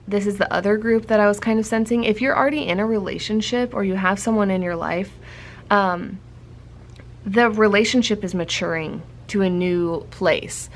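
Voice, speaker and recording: Female tarot reader, fortune-teller delivery, mid-pitched, reassuring and off the cuff, with clear background noise.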